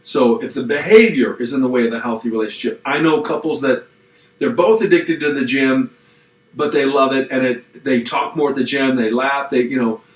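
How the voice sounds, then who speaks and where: A middle-aged pastor co-hosts a podcast in a casual chat, reflective and rambling, restarting himself and cracking dry self-deprecating jokes. His voice is medium-pitched at a moderate pace, picked up by a distant mic in a roomy, echoey room.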